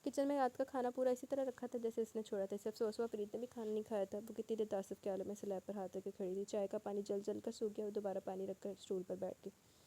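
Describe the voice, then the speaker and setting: A woman narrating a novel as an audiobook reader, in a steady storytelling manner. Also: medium pitch.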